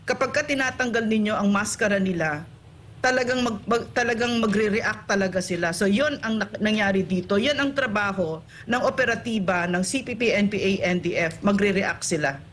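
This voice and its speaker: A woman's voice: medium pitch, normal speed, a little hiss or hum. A woman political commentator in an online interview, talking indignantly and firing off rhetorical tag questions.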